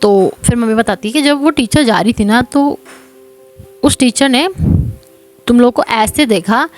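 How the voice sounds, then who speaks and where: Young woman, casual storytime narration, chatty and animated, mixes in english, higher voice, faint background music. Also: unhurried. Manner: chatty, animated, laughs often, Hindi mixed with English.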